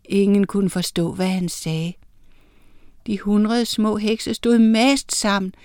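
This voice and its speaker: A woman narrating a children's storybook in a clear, steady storytelling voice. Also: mid-range voice, dry recording, studio quality. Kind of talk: storybook reading.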